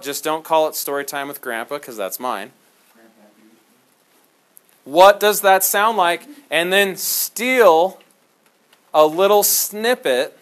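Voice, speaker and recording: In a classroom, a male history teacher lectures his students in a slightly high voice, animated and full of jokes. He often drifts into dramatic storytelling.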